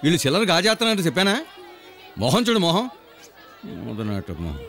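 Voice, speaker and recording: A man's voice: a little high, huge pitch swings, fast, a bit bright, some chatter behind, full character voice. A man in a dubbed film playing the bossy, scolding leader of a beggar gang.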